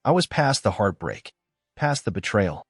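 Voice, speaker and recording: Husky-voiced man narrating a calm story. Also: lowish voice, normal speed, no room sound, clean studio sound. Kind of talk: scripted first-person narration.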